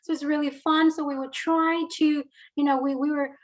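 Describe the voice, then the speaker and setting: High-voiced woman, hesitant and chatty. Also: level tone, normal speed, poor audio. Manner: hesitant, many fillers and restarts. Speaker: alumna guest. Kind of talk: casual interview answers.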